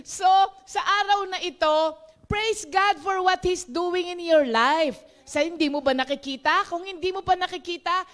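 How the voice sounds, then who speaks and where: Slow-talking Filipino woman preacher. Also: extremely high pitch, fairly bright tone. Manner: chatty, laughs often, mixes English in. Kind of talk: casual devotional talk.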